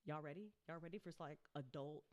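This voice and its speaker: In a deep voice and at a slightly fast pace, a woman hosts a live listening party for an audio drama she co-founded, writes, and directs. Her casual stream chat is informal, playful, and heavy on swearing, captured in clean studio sound without echo.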